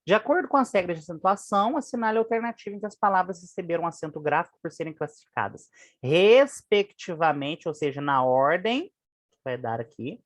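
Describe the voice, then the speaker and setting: A woman's voice: lowish voice, no room sound, studio quality. A woman with a Brazilian Portuguese accent explaining exam questions as a teacher, chatty and checking in with her listeners often. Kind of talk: exam answer walkthrough lesson.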